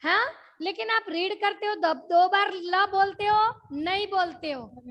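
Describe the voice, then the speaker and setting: A woman's voice: extremely high pitch, a little slow, lo-fi sound. A young woman with a Gujarati accent teaching an online class, mixing in English words and repeating questions to check that the children follow.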